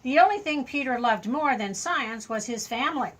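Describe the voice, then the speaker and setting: Reading a story for a small child, an older woman speaks in a high voice at a moderate pace. She plays the grandmotherly storyteller, dropping in simple, expressive asides to explain things.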